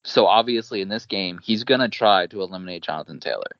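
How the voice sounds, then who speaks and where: Deep-voiced New Jersey man, dry lo-fi. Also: quick pace, a bit bright, dry recording. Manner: confident, talkative, many fillers. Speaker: podcast guest. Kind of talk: casual sports betting chat. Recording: dull lo-fi dry sound.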